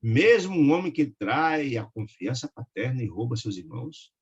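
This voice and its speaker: A man voicing a sick, remorseful old grandfather who speaks slowly, tenderly and wearily. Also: mid-range voice, very animated, slightly rough, muffled recording. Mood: anxious. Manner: slow, tender, weary speech.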